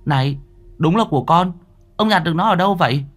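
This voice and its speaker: A man voicing a rude, cheeky village boy in a spoken horror story, with a high, whiny, loud voice. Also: animated, normal speed. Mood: dismissive.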